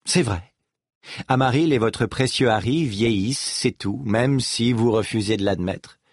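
A man voicing a calm, softly menacing male scientist in an audiobook reading. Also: mid-range voice, measured pace, no echo, studio quality.

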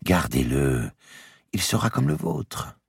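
A man's voice: low-pitched, huge pitch swings, slow pace, vocal fry, husky, no echo, clean studio sound, voice pushed up, exaggerated voice. A man reading the part of a noblewoman who firmly and insistently persuades a grieving girl. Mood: urgent coaxing. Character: noble older woman, firm, coaxing, protective. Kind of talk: audiobook character reading.

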